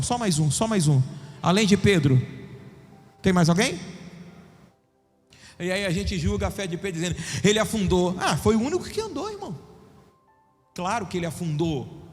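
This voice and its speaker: A male pastor from Brazil preaching a sermon, asking the congregation questions and swinging between loud and quiet. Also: high voice, sing-song, a little fast, pauses often. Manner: preaching with call-and-response questions, shifting between loud and soft. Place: church hall. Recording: long hall reverb with faint music. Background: faint music.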